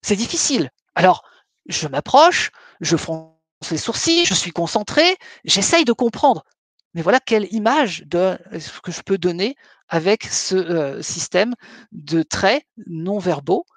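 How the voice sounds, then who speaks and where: A middle-aged man giving a webinar lecture, measured and hesitant, with frequent fillers between phrases. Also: sits high, very animated, fairly bright tone, no room sound.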